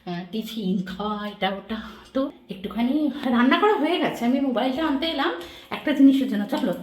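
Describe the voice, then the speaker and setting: A woman's voice: medium pitch, a little mellow. A middle-aged woman from West Bengal, talking chattily to her viewers in a casual home vlog. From West Bengal, India. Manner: chatty, addresses viewers directly. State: out of breath. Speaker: vlogger.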